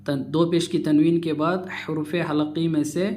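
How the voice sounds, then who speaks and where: A man teaching Quran reading. He spells out letters and vowels slowly, then explains the rules quickly. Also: fairly high pitch, flat delivery, a little mellow, slight background noise. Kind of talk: slow spelled-out recitation lesson.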